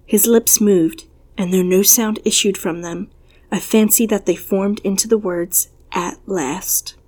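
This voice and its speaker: A woman reads an old-fashioned story aloud in measured, even phrasing. Her voice sits in a middle pitch, steady and unhurried. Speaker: narrator. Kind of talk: storybook reading.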